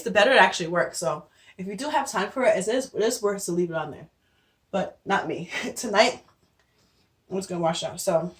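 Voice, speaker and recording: A woman's voice: medium pitch, fairly bright tone. A young adult woman giving a casual skincare tutorial, chatty and out of breath, with many fillers and restarts. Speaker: beauty vlogger.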